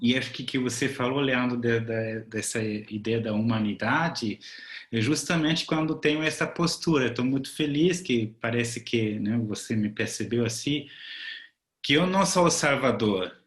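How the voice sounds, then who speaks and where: Calm man tutor thinking aloud. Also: medium pitch, normal speed. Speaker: seminar tutor. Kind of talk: teaching a seminar.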